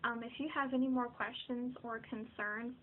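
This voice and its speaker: Casual young female vlogger, slightly high voice, hesitant and rambling, narrow phone-like sound. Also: steady tone, moderate pace, slight background noise. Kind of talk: casual chat to camera. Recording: muffled, phone-like narrow-band audio.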